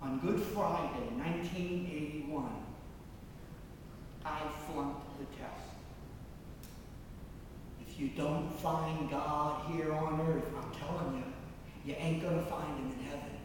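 A man preaching a parish mission in a large church, his high voice carrying slowly and deliberately. He tells stories with dramatic pauses and emphatic rises. The mic sits far off, so a long, echoey church reverb and faint noise hang around every phrase. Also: steady tone. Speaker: priest leading a parish mission. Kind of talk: sermon.

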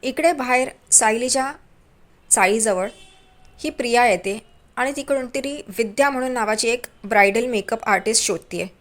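A woman's voice: a little high, moderate pace. A woman narrating a recap of a TV serial episode in a chatty storytelling way, adding mocking asides about the characters.

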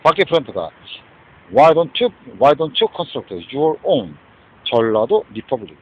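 A raised, husky male voice swings up and down in pitch as he rants on and on. He keeps stopping to throw a questioning "huh?" at the listener and drops English phrases into his talk. It sounds like a dull, lo-fi street recording. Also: very animated, unhurried. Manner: agitated, repeatedly prompts with "huh?", mixes in English phrases. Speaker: homeless man ranting. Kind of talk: rambling monologue.

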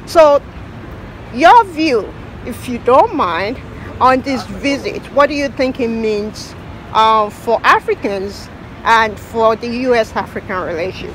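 A woman's voice: on the high side, lively intonation, slow pace, poor audio. A middle-aged woman hosting a news wrap and interview outdoors in a city park, speaking with frequent hesitations and fillers. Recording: outdoor park with crowd and traffic noise.

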